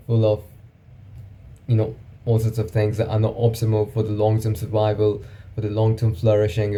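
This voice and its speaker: A vlogger thinks aloud in a casual, reflective monologue, often checking in with "right?" His voice is dark in tone and fairly low in pitch.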